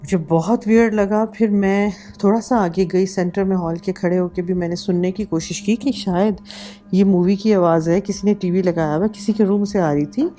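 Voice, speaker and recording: A woman vlogger telling a personal horror story in a casual way, slipping English words into her talk and going unhurried and hushed at the tense moments. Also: mid-range voice, steady tone, soft background music.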